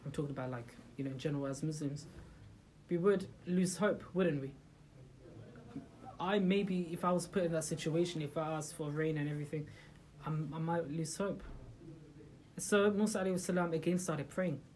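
Speaking at a moderate pace in a medium, somewhat mellow voice, a group's religious talk leader gives an informal talk to a small gathering in a room. Sentences are often restarted, and rhetorical questions go out to listeners. The recording is rough.

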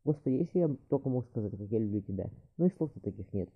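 Brief: male narrator as a grieving young father, soft and hesitant, quick pace, phone-like sound. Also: mid-range voice, expressive, slightly rough. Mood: tender. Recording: thin phone-like audio.

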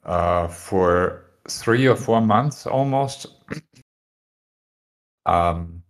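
A young adult Austrian man, a musician guesting on a casual podcast interview, talks frankly and often searches for his words. His low voice has lively intonation and drawn-out words.

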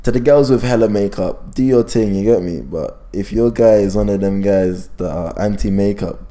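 A man's voice: fairly low pitch, moderate pace, warm tone. A young man with a London urban roadman accent, arguing casually on a podcast in heavy street slang, with noise behind him. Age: young adult. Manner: slangy, argumentative. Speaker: podcast host. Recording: clear background noise.

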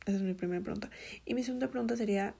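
A woman in her twenties telling a personal story in a soft, hesitant way, often dropping to a half-whisper. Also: mid-range voice, rapid-fire, gravelly, breathy edge. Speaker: vlogger.

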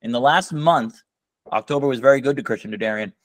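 A man on a friends' podcast who reads off records and standings. He slips in jokes at the others' expense. His voice is mid-pitched and recorded close and dry. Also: quick pace, dry recording. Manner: teasing, stats-minded. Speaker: podcast co-host. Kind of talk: casual chat among friends.

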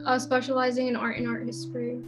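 A woman's voice: on the high side, completely flat delivery, quick pace. A young woman, a university student and magazine design editor, talking casually and saying like a lot. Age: young adult. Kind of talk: casual chat.

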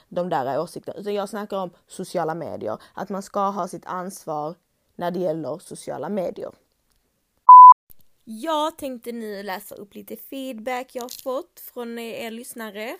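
Young swedish woman on her podcast, blunt, swears a lot, bit of vocal fry. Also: medium pitch, darkish tone. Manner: outspoken, swears freely, mixes in English slang. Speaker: podcast host. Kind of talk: casual chat reading listener messages.

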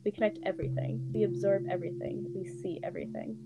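A woman voicing a cold, monotone tree entity in a read-aloud horror story, over soft guitar music. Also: medium pitch, fast, close to an everyday voice. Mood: cold, calm.

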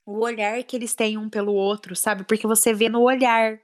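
A woman's voice: fairly high pitch, little pitch movement, moderate pace. A young adult woman in a casual chat, talking emotionally with lots of fillers.

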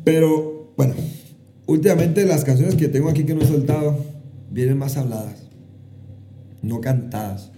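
Casual podcast guest: man, musician, very dark tone, drawling and earnest. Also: a little high, moderate pace, long pauses, a little hiss or hum. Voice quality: drawling delivery. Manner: earnest, reflective, explains at length.

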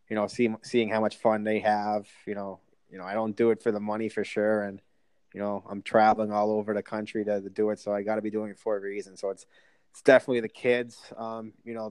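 A man jokes and rambles as a podcast guest, full of "you know"s and restarts. His voice is smooth and clear. The recording is dry and close. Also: fairly low pitch, no echo. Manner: rambling, many fillers, joking. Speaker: guest, youth hockey coach. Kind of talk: casual podcast interview.

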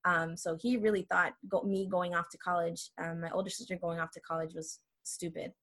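A woman's voice: on the low side, little pitch movement, fairly quick, fairly bright tone. A woman in her twenties from El Salvador, sharing her personal story as a guest, earnest and full of "um" and "like". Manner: earnest, frequent fillers like "um" and "like". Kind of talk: casual personal testimony.

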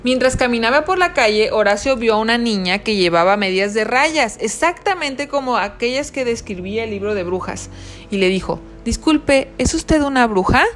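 Over soft background music, a fairly high-pitched female voice gives a slow, expressive reading of a children's story. She pauses to ask the young audience warm questions about what they've heard.

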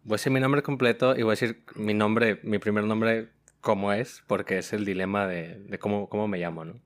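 A man's voice: fairly low pitch, steady tone, fairly quick. A man, a podcast guest talking in an easygoing, casual way and laughing often. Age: 20s. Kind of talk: casual interview chat.

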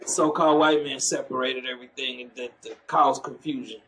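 A man's voice: mid-range voice, fairly even intonation, brisk, a bit bright, slight background noise, low-quality recording. A man preaching in the street, mocking churchgoers and calling for the next verse to be read. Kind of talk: street preaching with scripture reading.

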